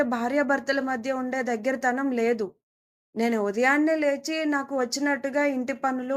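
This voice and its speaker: High-pitched woman narrating a story. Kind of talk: first-person storytelling narration.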